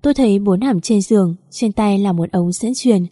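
A woman narrates a first-person story in a calm, steady manner. Her voice is dark and mellow, and the recording is dry and close with no room echo. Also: mid-range voice, normal speed.

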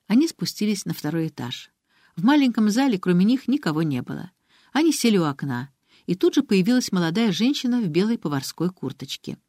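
A woman narrating an audiobook in a calm, even storytelling manner. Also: medium pitch, brisk, no room sound, studio quality. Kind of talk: scripted narration.

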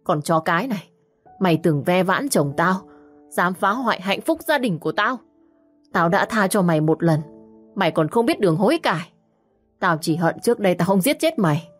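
A woman voicing a fierce widowed village mother who scolds harshly and fast. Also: lowish voice, expressive, faint music behind, close to an everyday voice. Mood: furious.

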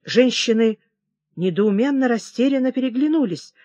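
An audiobook narrator reading a historical novel in a measured, dramatic way. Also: mid-range voice, expressive, a little mellow, no room sound.

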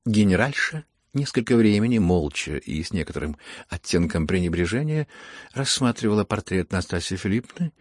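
A man reading a classic novel aloud as an audiobook narrator, in measured storytelling. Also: on the low side, lively intonation, no room sound, clean studio sound.

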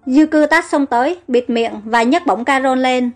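High-voiced woman narrating a story. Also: moderate pace, faint music behind. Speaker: story reader. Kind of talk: audiobook narration.

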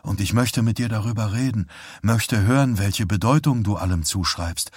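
A man voicing a frail young man in a hospital bed, tired and soft-spoken. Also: on the low side, normal speed, slightly rough, no echo, clean studio sound.

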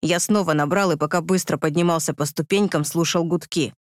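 A man narrating a dramatic audiobook with forceful, emotional delivery. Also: on the high side, steady tone, brisk, no room sound, clean studio sound.

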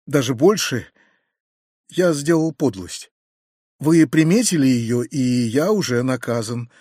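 Husky, lively male audiobook narrator. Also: mid-range voice, takes it slowly, no room sound, clean studio sound. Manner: earnest, expressive reading. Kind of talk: first-person literary narration.

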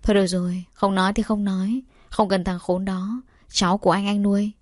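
A woman voicing a furious, protective older brother in an audio story, fast and harsh. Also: medium pitch, little pitch movement, no echo, clean studio sound, lightly acted. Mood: gruff. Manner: shouting, harsh.

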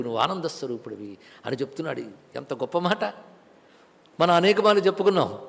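Male spiritual speaker, higher register, patient explainer who chants verses, recorded with long hall reverb. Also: fairly bright tone. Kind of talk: Bhagavad Gita discourse.

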